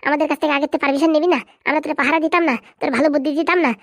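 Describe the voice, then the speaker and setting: A woman voicing a scheming, sharp-tongued elder woman in a comic cartoon, who scolds and bosses others. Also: sits high, steady tone, rapid-fire, dry recording, studio quality. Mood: scolding. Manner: scolding, bossy.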